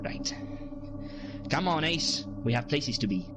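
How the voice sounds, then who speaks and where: Man playing theatrical, secretive time-traveling mentor, animated pitch. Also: a little slow, very noisy. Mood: evasive, reassuring. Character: enigmatic, guilt-ridden male time-traveling alien mentor, evasive and grieving. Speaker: actor in audio drama.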